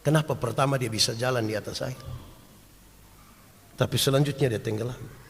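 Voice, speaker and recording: A man preaching a sermon, animated and storytelling, swinging from loud acted quotes to hushed asides and asking the congregation questions. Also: mid-range voice, moderate pace, a little hiss or hum. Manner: homely storytelling with humor and rhetorical questions. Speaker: pastor. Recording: long hall reverb.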